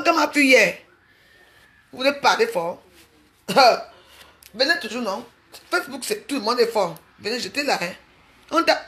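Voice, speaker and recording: A woman talking to her online followers in a mocking, scolding rant, full of quick restarts and jabs. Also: on the high side, fairly bright tone. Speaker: social media personality. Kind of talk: ranting live video.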